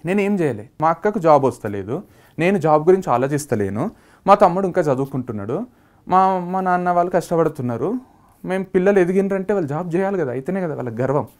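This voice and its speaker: A man with a Telangana Telugu accent tells his own story as a monologue, speaking in a fairly high voice. He is lively and slips into the voices of his family when he quotes them. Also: quick pace. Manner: lively, acts out family members' quoted lines. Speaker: startup founder.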